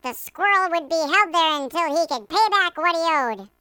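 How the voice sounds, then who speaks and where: An adult performer voicing an excitable young squirrel puppet in a children's Bible lesson skit, telling a story in a bubbly, animated way with punny asides. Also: very high-pitched, moderate pace, a little hiss or hum, heavily acted. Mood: storytelling.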